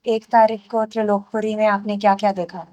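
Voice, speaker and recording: A woman's voice: mid-range voice, level tone, a little fast, darkish tone, no room sound. A woman interviewer asks brief, polite questions and gives respectful prompts.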